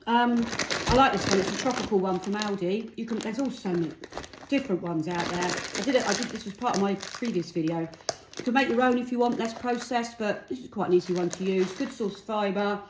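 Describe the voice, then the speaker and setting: A woman's voice: mid-range voice, brisk. A woman with a Cockney accent chatting casually and informally as she explains and demonstrates food for a vlog. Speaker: vlogger. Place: indoors at home. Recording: echoey room with light noise, clicks.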